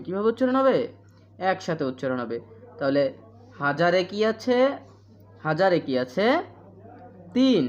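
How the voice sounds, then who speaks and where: A woman teaching a primary school math lesson, repeating each question and answer and counting out place values slowly. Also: medium pitch. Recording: dull lo-fi sound.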